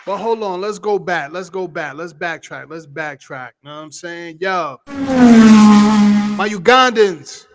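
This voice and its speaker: A man hosting a casual vlog, giving exuberant, slangy shout-outs to his viewers. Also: sits high, slow pace, crowd noise, noisy background. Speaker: vlog host.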